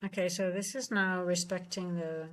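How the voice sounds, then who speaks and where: Pitched fairly low with fairly even intonation, this Dutch-accented woman is a native speaker from the Netherlands. While hosting a live trading stream, she offers hesitant, relaxed commentary as she thinks things through.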